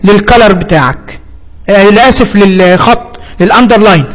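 High-voiced Egyptian man explaining hesitantly. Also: moderate pace, low-quality recording. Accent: Egyptian Arabic. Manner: hesitant, thinks aloud, repeats himself as he explains terms. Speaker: computer instructor. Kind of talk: screen-reader software tutorial.

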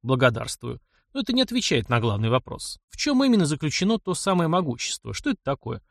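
A man's voice: fairly high pitch, sing-song, fast talker, vocal fry, dry recording, studio quality. A man voicing a practical young mechanic in an audiobook, blunt, wry and stubborn. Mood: measured. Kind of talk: audiobook character reading.

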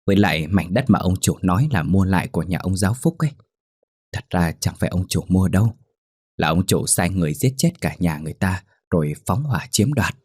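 A man's voice: low-pitched, expressive, brisk, darkish tone, breathy edge, dry recording, studio quality. A man voicing an older female servant who is bitter and outspoken, gossiping with scorn in a ghost story. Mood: scornful.

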